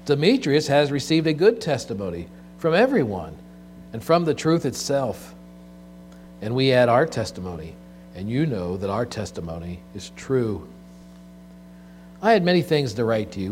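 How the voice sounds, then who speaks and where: A man delivers a sermon at a pulpit microphone in a medium-pitched voice. His delivery is deliberate and measured, with pauses between phrases. A clear electrical hum runs under the recording. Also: very animated, a little mellow. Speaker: pastor preaching to a congregation. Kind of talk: sermon with scripture reading and prayer. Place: church service, speaking from the pulpit. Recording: clear background mains hum.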